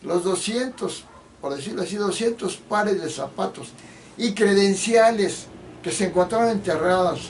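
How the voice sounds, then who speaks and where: A man delivers a heated solo political rant in a high voice, accusatory and prone to restarting his sentences. He sits some distance from the microphone, and a faint hiss of background noise runs underneath. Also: moderate pace. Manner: indignant, accusatory, with frequent restarts. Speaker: political commentator.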